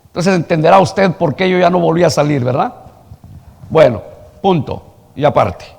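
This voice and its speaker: A man's voice: a little high, lively intonation, normal speed, vocal fry, darkish tone, husky, big-room sound. A man preaching a sermon as pastor, asking the congregation rhetorical questions and telling a story. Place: church hall.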